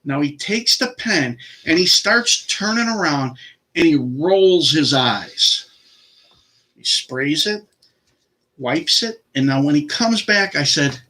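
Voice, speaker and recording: A man's voice: on the high side, pushed and bright, poor audio. A middle-aged man telling a story in a casual, indignant rant and acting out both sides of the argument.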